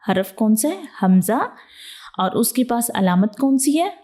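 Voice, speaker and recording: A woman's voice: on the high side, sing-song, measured pace, warm tone. A woman teaching a step-by-step Quran reading lesson. She explains patiently, repeats points, checks in often and mixes English words into her teaching. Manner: patient, repetitive explaining with frequent "theek hai" check-ins.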